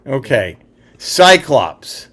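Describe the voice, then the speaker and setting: A man co-hosting a casual comedy podcast, giggly and animated. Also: mid-range voice, drawn-out words. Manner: giggly and animated, laughs a lot. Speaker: podcast co-host.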